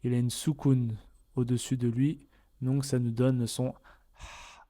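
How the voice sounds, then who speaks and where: A man's voice: medium pitch, little pitch movement, a little slow, mellow. A man teaching how to read letters step by step, patiently repeating each point and sounding out examples. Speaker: Arabic reading teacher. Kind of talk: step-by-step lesson narration.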